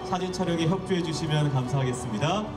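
A man's voice: a little high, fast. A man emceeing an opening ceremony, giving polite announcements to guests. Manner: bright, courteous announcer delivery. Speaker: master of ceremonies. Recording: echoey distant PA with music.

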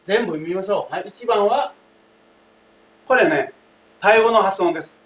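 A man's voice: sits high, moderate pace, a bit bright. A man teaching a language lesson, speaking emphatically, repeating key phrases and often addressing the class directly. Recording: roomy, distant mic, faint hiss.

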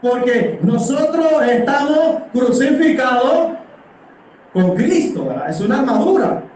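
This middle-aged church elder speaks with a Panamanian Spanish accent in a very high-pitched, slightly mellow voice, very animated but unhurried. He preaches an impassioned, conversational sermon filled with rhetorical tag questions. The recording comes from far off in a small indoor hall full of congregants, so it's echoey with background noise.

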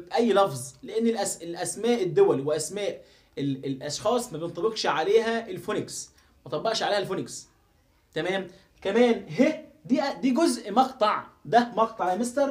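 High-voiced Egyptian man teaching phonics. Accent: Egyptian Arabic. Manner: repetitive, drills pronunciation over and over. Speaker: English teacher. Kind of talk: live online phonics lesson.

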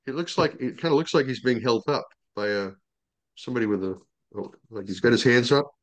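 A man chairing a public commission meeting over a video call, talking haltingly with many fillers and restarts. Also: medium pitch.

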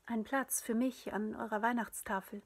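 A woman voicing a quiet, mysterious stranger who gently insists on being let in, in a whispered role-play. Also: fairly high pitch, steady tone, normal speed, breathy edge. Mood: hushed pleading. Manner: soft, hushed, gently insistent. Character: mysterious quiet stranger guest, soft and persistent.

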